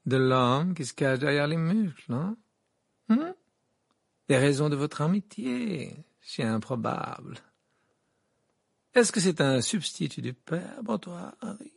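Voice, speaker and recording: A scheming middle-aged gossip reporter, as a male reader puts her on, gushing and syrupy but ready to turn cold. The voice is husky and gravelly, swooping widely in pitch, in a storybook reading. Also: very animated, takes it slowly, pauses often, no room sound, clean studio sound, exaggerated voice. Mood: falsely sweet. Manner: gushing and falsely sweet, then cold.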